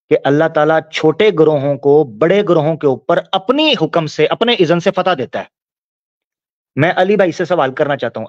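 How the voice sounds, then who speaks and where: A man giving Islamic commentary, explaining points and reciting verses slowly. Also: a little high, no room sound, dull audio. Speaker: religious commentator.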